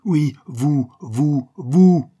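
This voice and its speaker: A man's voice: a little high, very slow, warm tone, breathy edge, pitched above the performer's own voice, full character voice. A man voicing a bandit baron who hurls accusations. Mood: accusing. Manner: accusing, hammering. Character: accusing male baron, a bandit, loud and forceful.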